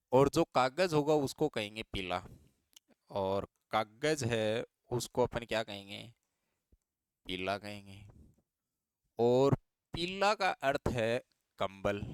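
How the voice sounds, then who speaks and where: A man's voice: medium pitch, clean tone, dry recording, studio quality. A man teaching a reasoning lesson for exam students, patient and repeating each step as questions to his students.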